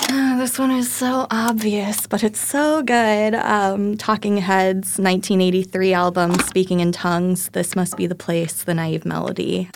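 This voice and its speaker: A woman's voice: medium pitch, flat delivery, measured pace, background noise. A woman guest in casual conversation, hesitant and searching for her words. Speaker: podcast guest. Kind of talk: casual chat.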